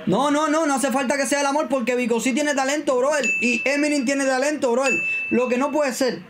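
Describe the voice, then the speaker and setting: A man with a strikingly high voice rattles off his points at speed. He is co-hosting a casual comedy podcast and keeps pushing his argument over everyone else, repeating words to hammer them home. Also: steady tone, a little fast, background noise. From Cuba. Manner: insistent, talks over others, repeats for emphasis. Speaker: podcast co-host.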